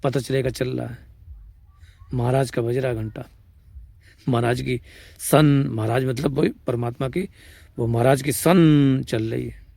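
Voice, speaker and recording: A man's voice: medium pitch, fairly even intonation, a little slow, creaky, pauses often, dark tone, dry recording. A man with a Braj-region Hindi accent, a spiritual teacher giving an informal discourse, explaining patiently, repeating his points and checking that listeners follow. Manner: explains patiently, repeats points and asks "samajh rahe hain?".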